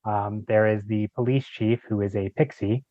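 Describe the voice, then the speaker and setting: An audio drama creator chats casually as a podcast guest, informal and a little hesitant, with a touch of amusement. His lowish, warm voice holds a steady tone at a moderate pace, with no echo, though the lo-fi microphone sounds slightly dull.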